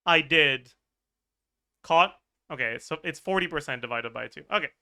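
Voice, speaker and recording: A man's voice: a little high, lively intonation, normal speed, gravelly, pushed and bright, clean tone. A man streaming a game, chatting casually and thinking aloud, swearing and laughing as he works through numbers. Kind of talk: livestream game chat.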